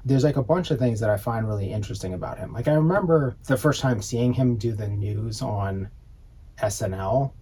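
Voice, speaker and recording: A man's voice: mid-range voice, a little fast, warm tone, a little hiss or hum. A man co-hosting a podcast, chatting casually and rambling with lots of fillers and swearing. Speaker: podcast co-host; designer. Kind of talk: casual chat.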